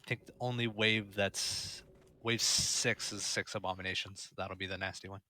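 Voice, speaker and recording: A man's voice: low-pitched, steady tone, normal speed, sharp tone, a little hiss or hum. A man leading a gaming raid over group voice chat, explaining tactics in a directive way with frequent fillers. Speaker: raid leader.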